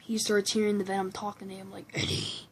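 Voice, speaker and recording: A woman gives a casual, rambling movie review from a room at home with a computer behind her, often restarting sentences and slipping into giggly asides. Her medium-pitched voice is monotone and fast, and the poor audio carries a little hiss or hum.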